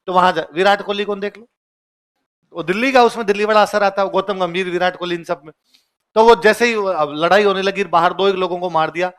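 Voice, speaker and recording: Male teacher with a high voice, classroom lecture, repeats points in two languages, asks the class quick questions, tells stories playfully. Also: smooth. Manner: lively storyteller, often laughing.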